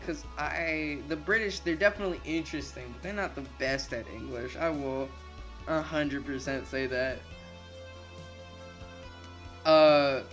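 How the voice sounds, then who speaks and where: A young man whose first language is Spanish chats casually with viewers on a livestream, rambling, often restarting, and sounding reassuring. His voice is fairly high and a bit bright, with faint music in the background.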